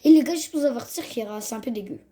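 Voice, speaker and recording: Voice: mid-range voice, rapid-fire, dark tone. A young gamer, chatting casually to viewers over a let's-play in slangy talk. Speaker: gaming video host. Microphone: phone.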